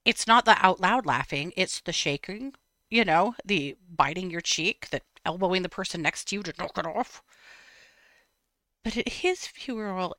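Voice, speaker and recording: Woman, fifties, casual host, bright voice, animated pitch, dry close sound, laughs a lot. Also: no echo. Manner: chatty, laughs often, animated storytelling. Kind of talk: casual storytelling chat.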